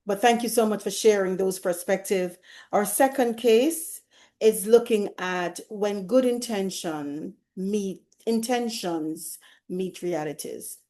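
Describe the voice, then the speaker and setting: A woman with a mellow, dark voice moderates a webinar over a video call. She hurries through her transitions between speakers, then slows down to read a work scenario aloud with care. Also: medium pitch. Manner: brisk transitions, then slow deliberate reading. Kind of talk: moderating a webinar and reading a case.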